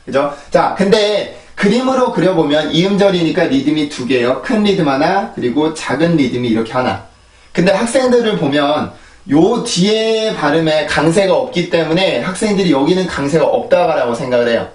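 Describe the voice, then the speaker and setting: A man's voice: a little high, animated, moderate pace, reverberant, recorded from a distance. A man teaching English pronunciation in Korean, explaining sounds and repeating drill words three times, checking in with his students. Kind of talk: pronunciation lesson. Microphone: desk microphone.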